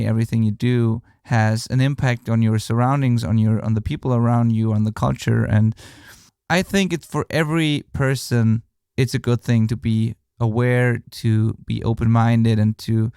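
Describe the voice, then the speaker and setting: A podcast host who is also a mixing engineer delivers an outro monologue in English, which is not his first language, speaking earnestly and rambling with frequent restarts. His mid-range voice is gravelly with a darkish tone, and the studio-quality recording has no echo.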